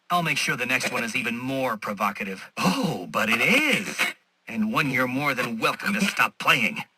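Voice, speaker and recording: The Riddler, sharp, smug genius villain. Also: male voice, on the high side, slightly rough, dry recording, heavily acted, poor audio. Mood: condescending. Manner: pompous, sarcastic, precise wordy diction. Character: smug, condescending male genius villain, mocking and theatrical. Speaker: video game villain. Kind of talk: scripted game villain taunts.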